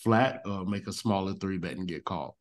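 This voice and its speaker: Lower voiced guy on a podcast, methodical, walks through details. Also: fairly quick. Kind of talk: casual strategy discussion.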